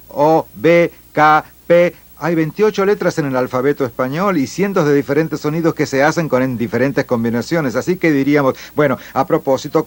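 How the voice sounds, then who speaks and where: A man's voice: fairly high pitch, dry recording. Earnest man preacher teaching. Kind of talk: teaching at a healing seminar.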